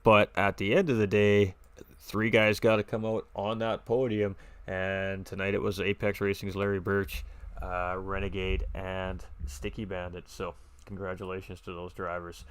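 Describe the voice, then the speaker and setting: Low-voiced excitable race commentator, man. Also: moderate pace, clear, resonant tone. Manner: excitable, chatty, reads chat aloud. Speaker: sim racing commentator. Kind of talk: live-stream race commentary.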